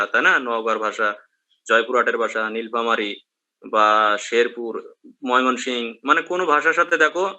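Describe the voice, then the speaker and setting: A man's voice: mid-range voice, bright, forceful tone. A man from Bangladesh, a teacher giving a class lecture and checking in with his students through questions.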